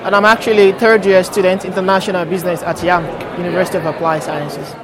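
Brief: man from Nigeria, steady explanatory answers, crowd chatter behind. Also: high-pitched, fast. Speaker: interviewee, student. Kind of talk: casual interview answers.

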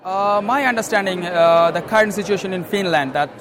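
Brief: man from Bangladesh, high voice, halting answers, crowd chatter behind. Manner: hesitant, many filler sounds. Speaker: interviewee, master's student. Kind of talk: casual interview answers.

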